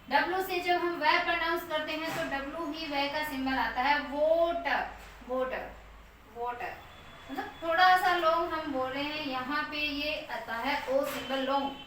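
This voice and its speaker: A woman teaching English pronunciation, slowly repeating and drawing out the example words. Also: high-pitched, sharp tone, slight background noise. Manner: slow, drawn-out repetition of example words. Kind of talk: pronunciation lesson. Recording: echoey room, mic at a distance.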